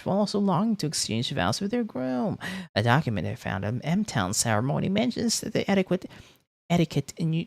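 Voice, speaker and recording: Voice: mid-range voice, vocal fry, dry recording. A game streamer reading on-screen text aloud theatrically, with casual muttered asides. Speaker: VTuber streamer.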